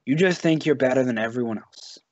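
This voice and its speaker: A man's voice: medium pitch, a little fast, darkish tone, no echo, muffled recording, natural voice. A man voicing an impatient armed male cop who talks in blunt, clipped threats. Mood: contemptuous. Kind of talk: in-character tabletop role-play.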